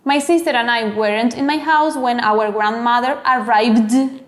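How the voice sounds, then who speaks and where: Woman teaching English, explaining clearly. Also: a little high. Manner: explains step by step, slows down to model English words. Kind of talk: recorded class explanation.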